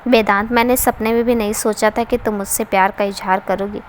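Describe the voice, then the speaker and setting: A woman's voice: mid-range voice, steady tone, a little fast, a little hiss or hum, lightly acted. A woman voicing a tender, lovestruck young man in a read-aloud story, barely changing her own voice. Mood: adoring.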